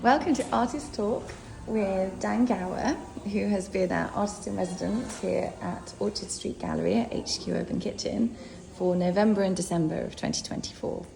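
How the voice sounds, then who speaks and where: A woman's voice: mid-range voice, normal speed, creaky, few pauses, mellow, faint music behind. A woman hosting an informal interview in a gallery inside a cafe. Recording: echoey busy cafe, background chatter.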